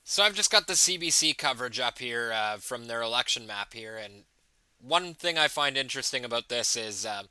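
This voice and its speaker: A man's voice: medium pitch, expressive, moderate pace, pushed and bright, clear, resonant tone, dry recording. A man hosting a casual live election commentary stream, rambling with fillers and reading out viewer comments. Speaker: livestream host.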